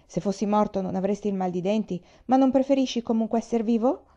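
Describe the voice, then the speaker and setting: A woman reading aloud, voicing a bold, brisk young girl who is scornful of weakness. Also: mid-range voice, warm tone, lo-fi sound, close to an everyday voice.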